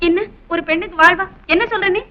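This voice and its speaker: A woman's voice: extremely high pitch, fairly even intonation, fast talker. An actress playing a forthright young woman of a wealthy house who questions and pleads, in a 1960s film melodrama with dull old sound. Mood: insistent.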